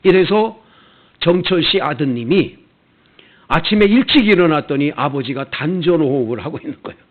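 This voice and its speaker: Middle-aged man, pastor, storytelling sermon; high, animated and gravelly, on a tinny phone-like recording. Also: moderate pace. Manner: storytelling with acted quotes.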